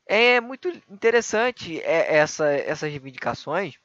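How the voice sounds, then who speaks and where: A man's voice: on the high side, very animated, unhurried, a bit bright, no room sound, lo-fi sound. Brazilian man teaching, frequent tag questions. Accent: Brazilian Portuguese. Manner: explanatory, rhetorical questions, frequent "tá?" and "né?" tags. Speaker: history teacher. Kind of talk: recorded lesson for exam prep.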